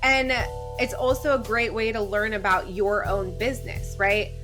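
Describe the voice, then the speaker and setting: A woman in her thirties, from Israel, speaking as a podcast guest in an energetic, conversational way. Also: medium pitch, normal speed, over music. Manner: energetic, conversational, says "like" often. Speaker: guest, community founder. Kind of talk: podcast interview.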